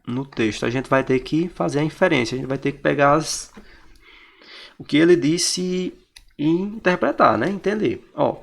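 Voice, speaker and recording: A man's voice: a little high, normal speed, vocal fry. A man teaching in Portuguese with a Brazilian accent, walking students through exam answers and often pointing things out to the class.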